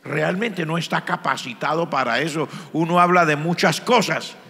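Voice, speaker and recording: A Colombian man preaching a Pentecostal sermon as pastor, storytelling and swinging between hushed and loud delivery. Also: fairly high pitch, normal speed, gravelly, big-room sound. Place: church.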